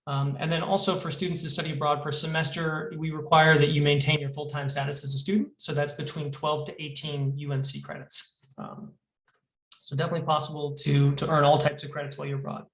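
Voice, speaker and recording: A man's voice: on the high side, little pitch movement, brisk, a bit bright. A man working as a study abroad advisor, giving a webinar presentation with many fillers; his voice sounds hollow and boxy, as if inside a fishbowl. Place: new room with a hard echo. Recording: echoey, distant, muffled mic.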